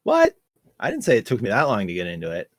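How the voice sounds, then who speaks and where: A man's voice: on the low side, sing-song, rapid-fire, fairly bright tone, dry recording. A man co-hosting a casual podcast, recapping scenes with dry joking asides. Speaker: podcast co-host recapping episodes. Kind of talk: casual chat.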